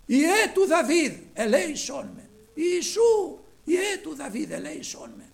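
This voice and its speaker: A man preaching, voicing a blind male beggar who pleads loudly for mercy. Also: very high voice, big pitch swings, creaky, voice pushed up, exaggerated voice. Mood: pleading, shouting. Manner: loud, pleading shouts.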